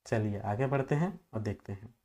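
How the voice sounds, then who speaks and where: A man's voice: on the low side, moderate pace, darkish tone. A man teaching an exam-prep lecture in a loose, conversational way, leaning on fillers and homely examples and sometimes stumbling over terms and correcting himself. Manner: filler-heavy, repeats "जो है" often.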